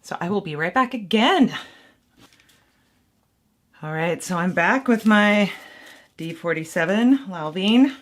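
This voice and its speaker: A woman's voice: medium pitch, animated, slow, pauses often. A woman making mead at home and casually talking the viewer through each step, rambling and poking fun at her own mistakes. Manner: rambling, self-deprecating, thinking aloud. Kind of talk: casual how-to vlog.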